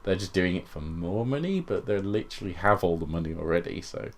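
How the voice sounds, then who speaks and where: A man's voice: low-pitched, lively intonation, fairly quick. A young man co-hosting a gaming podcast in casual chat, laughing often and hesitating with fillers. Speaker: podcast co-host.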